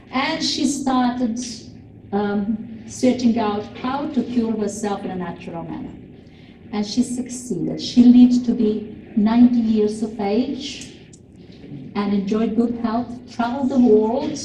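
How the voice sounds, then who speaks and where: An older woman from Serbia speaks to a cooking class in a slow, earnest way, often pausing between phrases. Her voice is mellow and unhurried. It is picked up from across a large, echoey hall. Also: mid-range voice, recorded from a distance, a little hiss or hum. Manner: slow, earnest, with frequent pauses. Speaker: cooking demonstrator. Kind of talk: informal talk to a class. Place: large plain hall with kitchen tables.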